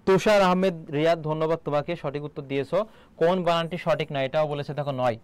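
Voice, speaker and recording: Smooth-voiced man teaching a quiz class. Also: a little high, steady tone, quick pace, no room sound. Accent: Bangladeshi Bengali. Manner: quizzing students with questions and repeating answers. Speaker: Bangla teacher. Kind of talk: live online exam-prep class.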